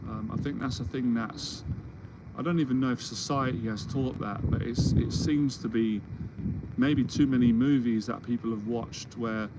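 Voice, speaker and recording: A man's voice: mid-range voice, fairly even intonation, moderate pace, heavy background noise. A man of forty, a confidence mentor, talking in a rambling, reassuring solo Q&A and often restarting his sentences. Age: 40s. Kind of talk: solo Q&A monologue. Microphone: livestream or video call setup.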